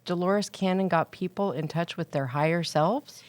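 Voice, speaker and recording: A woman with a low-pitched voice interviews a guest in a conversational style. She sounds curious and informal, reacting expressively, in a very dry recording. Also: moderate pace, a little mellow, dry recording. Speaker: interviewer, host.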